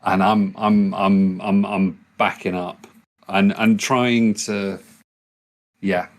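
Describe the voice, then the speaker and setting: A man's voice: fairly low pitch, level tone, slow pace. A man playing a tabletop game, hesitant and stammering as he decides his moves. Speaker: player. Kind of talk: casual tabletop play.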